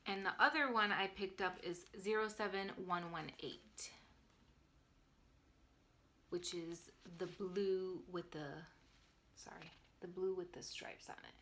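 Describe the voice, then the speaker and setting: A woman's voice: fairly low pitch, takes it slowly, long pauses, pushed and bright, slight background noise. A woman hosting a knitting vlog, chatting casually and rambling with many restarts and fillers. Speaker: knitting podcast host. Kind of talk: casual chat to viewers.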